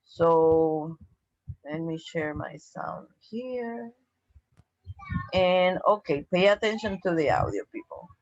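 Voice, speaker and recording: A woman who speaks Spanish as her first language, teaching an online English class with slow, patient explanations and frequent "okay?" checks. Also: lowish voice, lively intonation, a little mellow, no room sound, highs cut off.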